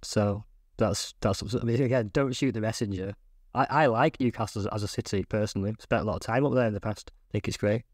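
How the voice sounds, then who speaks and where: A man chatting casually as a football journalist guest on a podcast, halting and repeating words as he thinks. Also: on the low side, darkish tone, dry recording, clean studio sound.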